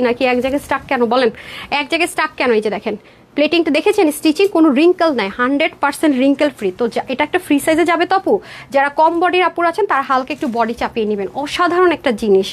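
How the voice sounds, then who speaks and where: A woman from Bangladesh hosts a live online clothing sale, her high-sitting voice rattling off a quick, persuasive pitch about dresses. She models one in an indoor room with a door, calls viewers sister, and mixes in English.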